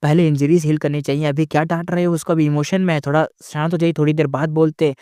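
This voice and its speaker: Anxious male court immortals plead and try to calm their angry lord, as a storyteller puts them on. Their tone is placating, and the voice sits fairly high for a man. The sound is dry and close. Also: fast, clear, resonant tone, no room sound, close to an everyday voice.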